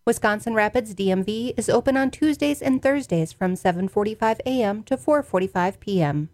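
A woman's voice: mid-range voice, fairly quick, a little mellow, no room sound, studio quality. A woman reading scripted local news announcements from a news desk.

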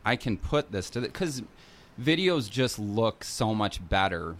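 A man's voice: on the low side, very animated, measured pace, fairly bright tone. A North American man chatting casually as a musician guest, in a hesitant, rambling, informal way. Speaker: musician being interviewed. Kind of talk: casual interview chat.

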